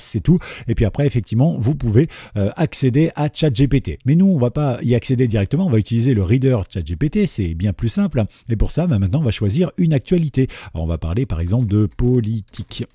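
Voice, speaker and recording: Husky, very dark-voiced man explaining. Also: mid-range voice, no echo, clean studio sound. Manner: relaxed, chatty explaining with frequent fillers. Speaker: tech tutorial host. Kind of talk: casual screen-recorded software tutorial.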